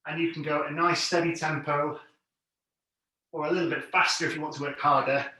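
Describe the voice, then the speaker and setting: A man's voice: a little high, little pitch movement, a little fast, sharp tone. A man instructing an exercise class, giving encouraging, plain step-by-step cues and counts. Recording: very echoey room, distant mic.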